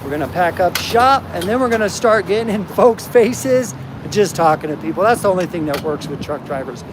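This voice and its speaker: A man with a high-pitched, expressive voice talks a little fast while hosting a casual live stream, addressing his chat directly and cheerfully. He's walking outdoors at a truck stop parking lot holding his phone. Loud outdoor and vehicle noise fills the phone recording.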